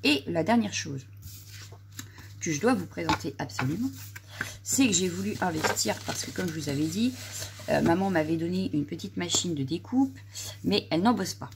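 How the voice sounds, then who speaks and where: A woman's voice: fairly low pitch, animated, moderate pace, gravelly, noisy background. A middle-aged woman showing her craft purchases in a casual haul, chatting with many fillers and a slight frog in her throat. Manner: chatty, lots of "voilà" and fillers. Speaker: crafting vlogger.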